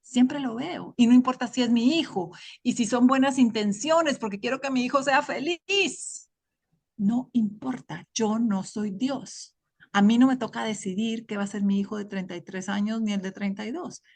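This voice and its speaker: A woman's voice: a little high, moderate pace, darkish tone. A middle-aged woman giving a reflective, conversational personal recovery testimony, often checking in with her listeners. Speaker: recovery group member sharing her story.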